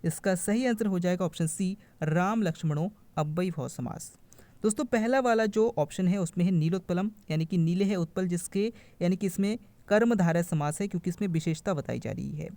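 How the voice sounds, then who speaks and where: A man's voice: high-pitched, brisk, dark tone, dry recording. A man teaching an online exam-prep grammar lesson, reading out each answer option in turn and then explaining it to his viewers, whom he calls friends. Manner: calls the viewers friends and stresses what to remember. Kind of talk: online quiz-style lesson.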